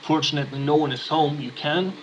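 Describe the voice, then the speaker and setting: A man's voice: a little high, fast, a little hiss or hum, low-quality recording. Casual man reading a text game. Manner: casual, muttering asides and fillers. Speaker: let's play gamer.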